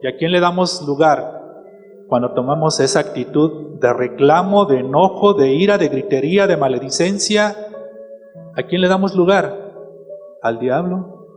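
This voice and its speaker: A man's voice: a little high, measured pace, darkish tone. A man with a Mexican Spanish accent, a pastor preaching a sermon and putting rhetorical questions to his congregation. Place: church hall. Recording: reverberant church hall with music.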